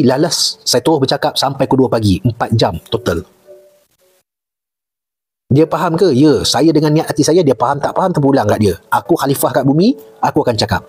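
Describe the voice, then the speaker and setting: Husky Malaysian man telling jungle stories. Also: mid-range voice. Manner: repeats points for emphasis, animated storyteller. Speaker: retired army major telling jungle stories. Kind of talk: casual storytelling chat.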